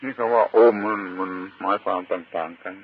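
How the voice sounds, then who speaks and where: A man preaching a Buddhist sermon, slow and deliberate, pausing often and stressing key words. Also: sits low, slightly rough, narrow, tinny audio. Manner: slow and deliberate, with long pauses and emphatic chanted words. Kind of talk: Dharma sermon.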